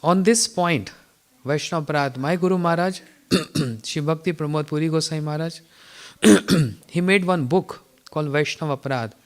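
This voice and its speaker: A man giving an informal morning spiritual lecture, telling stories with chuckles and throat clearing. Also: on the high side, moderate pace. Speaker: spiritual teacher.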